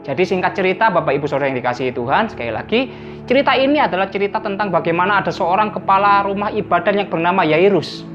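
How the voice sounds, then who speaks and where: A woman preacher, giving a sermon in a church service and retelling scripture as lively everyday dialogue. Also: on the low side, quick pace, muffled recording, music in the background.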